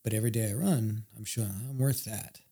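A man guest on a podcast, telling stories in a casual, animated way and acting out what people said. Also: on the low side, a little fast, husky. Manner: animated storyteller, acts out quotes. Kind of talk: casual storytelling conversation.

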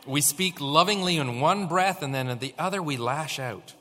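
A man's voice: on the high side, moderate pace, pushed and bright. A man preaching a sermon as pastor, asking the congregation rhetorical questions. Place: church sanctuary. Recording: long reverb of a church hall.

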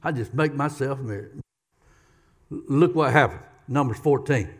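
A man's voice: medium pitch, moderate pace. A man preaching a sermon as pastor, emphatic, repeating key lines and questioning the congregation.

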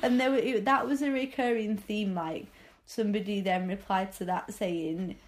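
This is a young woman chatting casually on a podcast. She rambles through her stories with lots of fillers and stays amused. Her voice sits at an ordinary middle pitch. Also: steady tone, normal speed. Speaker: podcast co-host. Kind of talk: casual chat.

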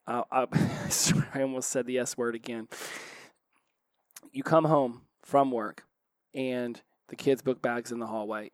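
Male solo podcast host, tired but buzzing, rapid rambling delivery with fillers, dry close-mic sound. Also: mid-range voice, no room sound. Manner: fast, excitable, self-interrupting with fillers. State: tired, up late past midnight. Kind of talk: solo podcast monologue on recovery. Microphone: studio microphone.

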